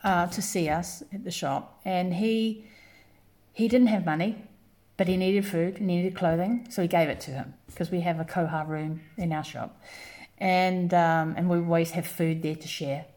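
This is a podcast guest, a woman born in London who grew up in New Zealand, describing her community work in a relaxed interview. She has a lowish, dark voice with a steady tone and a moderate pace. Her manner is earnest and story-driven, full of restarts.

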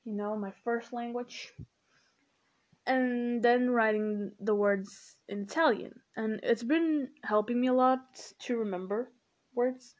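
On her podcast, a teen girl and native Portuguese speaker gives relaxed study advice at a slow pace, rambling with lots of "like" and "you know." Her voice is on the high side but darkish in tone, and the audio sounds dull.

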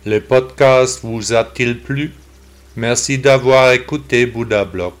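A man's voice: medium pitch, takes it slowly. A male text-to-speech computer voice reading the scripted intro and outro of a podcast as its host. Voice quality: even, machine-made delivery. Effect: synthetic computer voice, text-to-speech.

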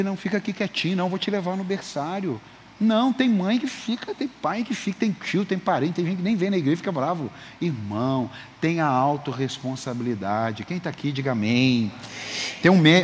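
Animated pastor preaching in a reverberant hall. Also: male voice, on the high side, a little hiss or hum. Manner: lively, calls for amens and applause, acts out dialogue. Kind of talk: sermon. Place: church sanctuary. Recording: long reverb of a church hall.

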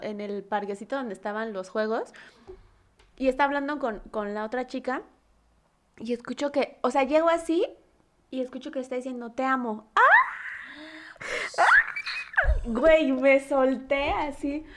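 A young Mexican woman in casual chat, her voice sitting a little high. She tells stories in a slangy, animated way and often acts out the cries. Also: normal speed.

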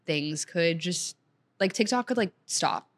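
Chatty young woman with a low voice. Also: animated, unhurried. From Senegal. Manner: chatty, upbeat, heavy use of "like". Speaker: guest, content creator. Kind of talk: casual chat.

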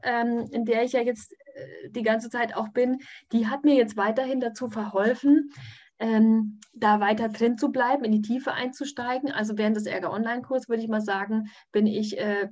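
A woman who took a course tells a personal story in a casual way, with frequent hesitations, fillers and restarts. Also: a little high. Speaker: course participant.

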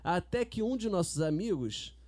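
Guy from rio, higher voice, laughing thru a wild story in a casual podcast chat. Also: normal speed. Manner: animated, laughs while telling a story.

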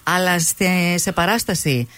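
A woman hosting a radio show, chatting with her guest in a lively, enthusiastic way. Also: lowish voice, dry recording. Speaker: radio host. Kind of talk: casual radio interview. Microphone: studio microphone.

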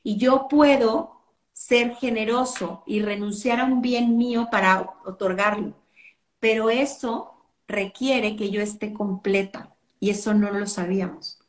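A woman's voice: medium pitch, steady tone, unhurried. Woman teaching about parenting, earnest, plays out parents' quotes, roomy echo. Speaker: parenting educator. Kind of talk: explanatory interview talk.

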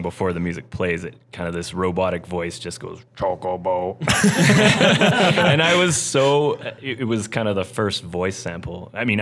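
A man in a casual gaming podcast chat, halting and giggly, laughing at his own stories. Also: low voice, creaky, a bit bright. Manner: giggly, halting, self-mocking.

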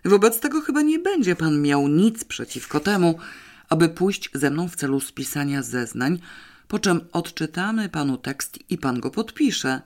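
A man reading a detective novel aloud in a steady, measured narration. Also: on the high side. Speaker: audiobook narrator. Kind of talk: scripted narration.

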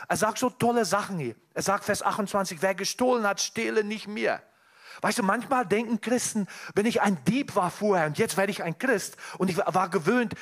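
A man preaching a sermon at a church service, talking earnestly to the congregation, often restarting his sentences. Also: high voice. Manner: earnest, with frequent restarts and direct address to the congregation.

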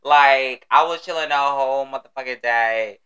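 A man's voice: medium pitch, moderate pace, bright, forceful tone, clear, resonant tone, highs cut off. An American man hosting a casual solo podcast, with a sassy, exuberant manner and salty, slangy talk. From United States. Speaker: podcast host.

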